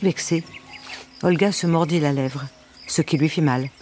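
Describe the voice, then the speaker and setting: A woman storyteller reading a children's story aloud, with a gentle, wry narration and playful asides. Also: deep voice, a little slow, soft background music.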